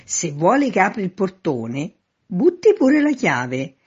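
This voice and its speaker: A woman voicing a stubborn, literal-minded man who shouts up at a window. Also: fairly low pitch, big pitch swings, normal speed, slightly rough, highs cut off, pitched above the performer's own voice. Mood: shouting.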